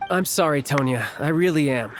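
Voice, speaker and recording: A cocky young warrior with an easy, teasing way of talking, as an actor plays him. His pitch moves freely and he sounds relaxed with family. Soft game music plays behind. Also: brisk, lightly acted. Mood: apologetic. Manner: easygoing, teasing. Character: cocky young male warrior, playful older brother.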